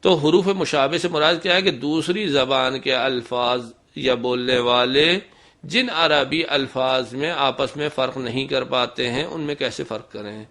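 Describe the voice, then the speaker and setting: Bright-voiced man teaching recitation. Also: medium pitch. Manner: methodical, demonstrates letter sounds slowly. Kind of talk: instructional lesson.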